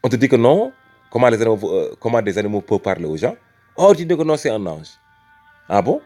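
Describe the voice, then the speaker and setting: A man from Senegal presses an impassioned religious argument, repeating phrases and calling the listener brother. His fairly low, mellow voice is very animated and a little fast, with soft background music.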